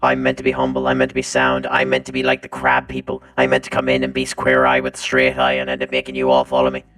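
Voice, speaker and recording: A man chatting casually on a stream through a robotic voice filter that pitches him down, talking loudly, joking and swearing. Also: completely flat delivery, quick pace, faint music behind. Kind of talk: casual live-stream chat.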